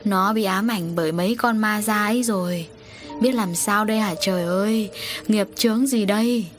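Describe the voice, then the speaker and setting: A woman's voice: medium pitch, moderate pace, soft background music, natural voice. A woman voicing a frail old grandmother who leans on a cane and laments over her family, in an audio story. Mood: worried. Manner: worried, lamenting.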